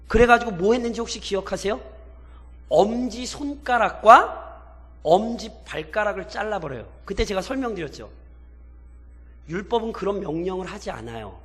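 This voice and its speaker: At a midweek prayer service, a pastor with a high, bright voice gives an expository sermon in a church sanctuary, his words echoing through the long hall. He poses rhetorical questions to the congregation and acts out biblical characters through mocking, colloquial quotes.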